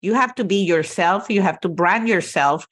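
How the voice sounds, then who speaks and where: A woman's voice: on the low side, moderate pace. A woman from Venezuela, a company CEO, telling her career story with earnest emphasis as a podcast guest. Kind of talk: podcast interview.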